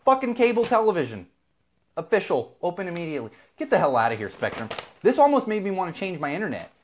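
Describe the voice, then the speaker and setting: Exasperated man ranting, lively pitch. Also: fast, slight background noise. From Southern California. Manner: exasperated, animated, swears freely. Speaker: podcast host. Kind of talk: casual ranting monologue on a live feed.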